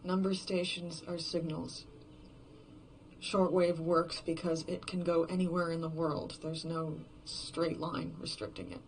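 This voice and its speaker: In a horror fiction podcast, a performer plays a despairing, obsessive lone survivor, delivering a brooding, halting confessional monologue that often sinks toward a whisper, with a mood of anxious brooding. The voice is mid-range and close to everyday speech. The recording is rough, with slight background noise.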